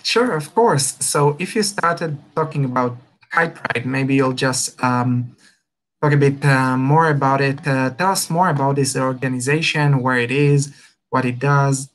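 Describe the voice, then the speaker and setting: Slow, hesitant host. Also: male voice, mid-range voice, a little hiss or hum. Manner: hesitant, many fillers. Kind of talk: hosting a live stream interview.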